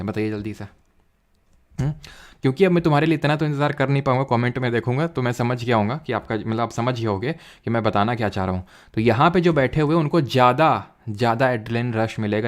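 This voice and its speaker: A man teaching an exam-prep geography lesson, explaining while he draws and repeating key terms. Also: mid-range voice.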